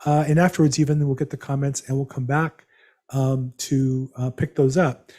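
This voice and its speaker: A man's voice: medium pitch, flat delivery, moderate pace, a little mellow. A man hosting a live real estate seminar over a video call, chatty and rambling with many fillers. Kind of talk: live webinar presentation.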